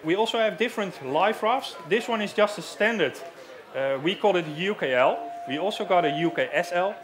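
Speaking over a crowd in the background, this safety equipment rep sounds expressive, with a voice that sits high and a moderate pace. He's a man in his thirties with a Dutch accent, doing a live stage demonstration on a headset mic inside a big marquee at an outdoor show, and his plain explanations are full of fillers.

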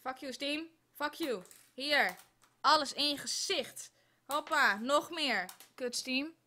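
A young woman live-streaming a game, exasperated and swearing, with loud outbursts and a sore throat. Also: high-pitched, takes it slowly.

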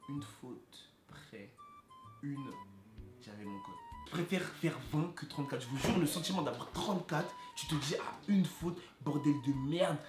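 A young man vlogging, telling his story with animated, dramatic, slangy delivery. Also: on the high side, moderate pace. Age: young adult. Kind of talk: storytelling vlog. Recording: roomy echo with music behind.

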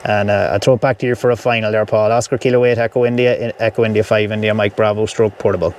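A man's voice: fairly low pitch, level tone, fast, a little mellow, a little hiss or hum. A man with an Irish accent, chatting on the air as a ham radio operator from his camper van, upbeat and friendly, spelling out call signs phonetically. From Ireland. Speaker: amateur radio operator on a field activation. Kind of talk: casual on-air radio chat.

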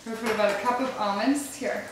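A mother in her thirties talks quickly in a slightly high, fairly even voice as she hosts a casual cooking video and patiently coaxes small children along. The indoor kitchen is large and echoey, and a camera across the counter captures very noisy sound: clattering pans, dishes, clicks, and children.

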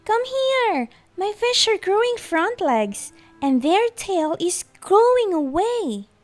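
Storybook kid: woman reader voicing a loud, eager little boy, very high and bouncy. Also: takes it slowly, soft background music, full character voice. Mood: excited yelling. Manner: yelling with excitement. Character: excited six-year-old boy, eager and loud.

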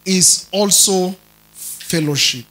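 Guy preaching, high bright voice, goes from quiet to shouting, keeps asking the crowd if they get it. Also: slow, rough recording. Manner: dramatic preaching, shifts between soft asides and shouted emphasis; asks the congregation questions. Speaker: pastor. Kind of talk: sermon.

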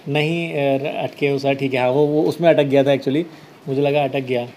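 A man's voice: medium pitch, fairly even intonation, moderate pace, darkish tone, slight background noise. A man from Uttarakhand hosting a casual live stream, reading viewer comments aloud and answering them with easygoing reassurance. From Uttarakhand, India. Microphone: headset.

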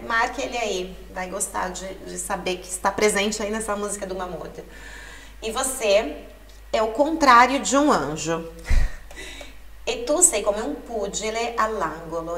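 A woman teaching an Italian lesson to Portuguese speakers, explaining patiently and reading lyric lines aloud slowly. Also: mid-range voice, fairly bright tone. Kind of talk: language lesson. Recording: echoey room, mic at a distance.

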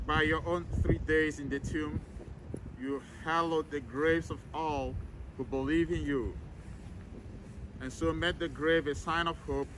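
A man leading a solemn graveside prayer as a priest, reciting in a measured, formal way outdoors. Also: fairly high pitch. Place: outdoors in an open cemetery. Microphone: camera several meters away, speaker masked. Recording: outdoor recording with clear background noise.

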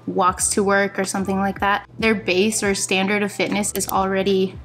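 A woman's voice: medium pitch, little pitch movement, normal speed. A young woman vlogger talking casually to camera in a candid, conversational, self-deprecating way, indoors in a home kitchen. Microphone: camera at about arm's length.

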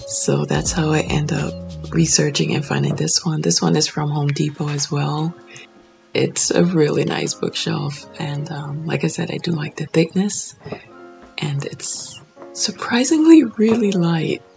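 Young woman, low voice, gravelly edge, chatty home vlog, faint music underneath. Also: measured pace. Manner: chatty, relaxed, with fillers and soft laughs. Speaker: home makeover vlogger. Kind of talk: casual vlog voice-over. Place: small home office indoors.

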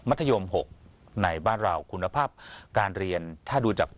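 A man hosting a TV talk show, asking brisk questions and giving frequent short acknowledgements. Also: lowish voice, no echo. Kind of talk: interview questions and backchannel.

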